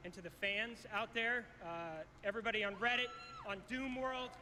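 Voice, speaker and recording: A man giving a halting, grateful acceptance speech full of fillers. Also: extremely high pitch. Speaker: game studio award winner. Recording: echoey hall with faint noise, played from a broadcast.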